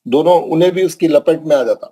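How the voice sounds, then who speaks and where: A man teaching Quran recitation rules, asking questions and answering them, with slow drawn-out recited examples. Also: on the high side, dark tone, slightly rough, poor audio. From Hyderabad, India. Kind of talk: classroom tajweed lesson.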